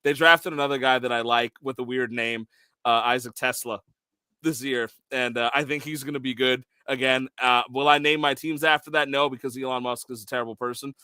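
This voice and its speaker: A man co-hosting a sports podcast, chatting casually as an excitable storyteller who makes quick asides. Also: medium pitch, smooth, no echo, clean studio sound. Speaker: podcast co-host.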